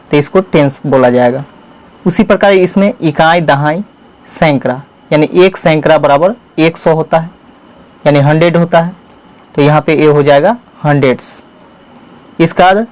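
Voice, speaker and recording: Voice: medium pitch, darkish tone. A teacher hosting a channel, giving a step-by-step maths lesson for children, patiently repeating and counting out each term one at a time.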